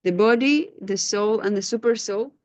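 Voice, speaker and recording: A woman's voice: mid-range voice, moderate pace, a little mellow, dry recording. A woman, facilitating an online scripture class, patient and questioning as she prompts her students. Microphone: video call. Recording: dull lo-fi video call audio.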